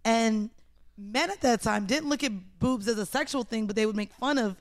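A woman's voice: fairly high pitch, moderate pace, no echo. Brash joking woman, dry close mic. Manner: brash, joking, swears freely. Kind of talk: casual chat.

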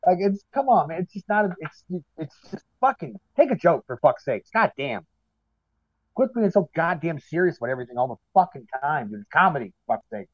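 A man with a notably high voice talks bluntly and emphatically, swearing hard as he makes his points. The sound is dull and dry, with no room echo. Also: very animated, brisk. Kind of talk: casual profane chat.

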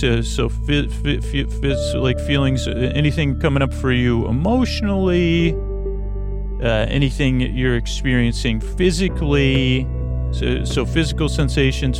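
Creaky-voiced man rambling at bedtime. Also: mid-range voice. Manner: meandering, stumbling, self-mocking tangents. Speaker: sleep podcast host. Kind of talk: slow rambling bedtime monologue.

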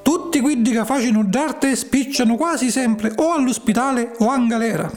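A man voicing a calm, patient talking cricket over a hundred years old, lecturing slowly. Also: extremely high pitch, soft background music, pitched above the performer's own voice.

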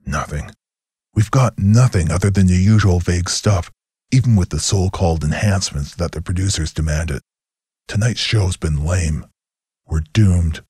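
A man voicing a weary, gloomy male TV show host who talks in a low, defeated way. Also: moderate pace, warm tone, breathy edge, dry recording, studio quality. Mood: despondent.

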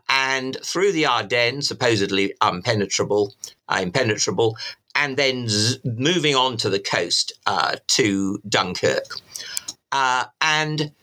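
A man speaking as a historian and guest, retelling events in an animated, storytelling way. His voice is bright and forceful. He restarts phrases often as he goes. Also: mid-range voice. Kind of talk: interview answer, storytelling explanation.

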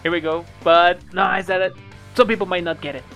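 A man's voice: high voice, brisk, soft background music. A man from Mexico with a Mexican accent, co-hosting a casual podcast chat and laughing often as he tells stories. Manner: laughs often, animated storytelling. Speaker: podcast co-host.

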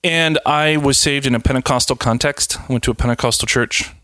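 A man's voice: medium pitch, brisk, sharp tone, no room sound, studio quality. Joking thirties man on a podcast. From Wisconsin. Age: 30s. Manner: rambling, self-deprecating, jokey. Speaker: podcast co-host. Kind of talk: casual chat.

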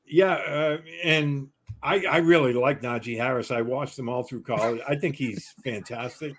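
A man's voice: medium pitch, moderate pace. A man giving football analysis on a casual sports show, rambling and filling with "you know".

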